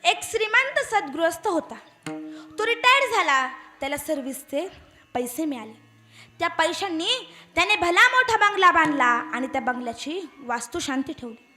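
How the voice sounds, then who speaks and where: A woman kirtan preacher telling a moral story in an animated, dramatic sermon. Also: very high voice, normal speed, faint music behind.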